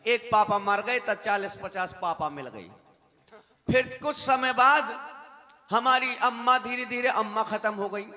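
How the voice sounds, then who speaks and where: A man's voice: high voice, unhurried, sharp tone, big-room sound. A male stage comedian, telling a comic story that breaks into a sung lament. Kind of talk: Ramlila stage comedy with song. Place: outdoor Ramlila stage.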